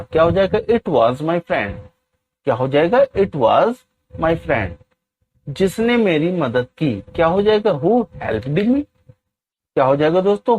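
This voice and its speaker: A man teaching an English grammar lesson, often asking his viewers questions and slowly dictating example sentences. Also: on the high side, dull audio. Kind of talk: classroom-style grammar lesson.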